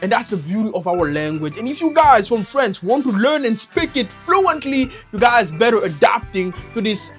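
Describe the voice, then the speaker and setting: A voice playing a professor who lectures French speakers on English pronunciation, talking slowly and addressing them as "you guys". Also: medium pitch, sing-song, soft background music, natural voice. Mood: lecturing. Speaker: English teacher character.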